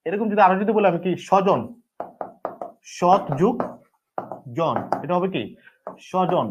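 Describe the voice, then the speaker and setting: A man with a Bangladeshi Bengali accent teaches an exam-prep grammar lesson, drilling spellings and answering his own questions. His voice sits high for a man. The audio is a bit dull and lo-fi. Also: a little slow, slight background noise.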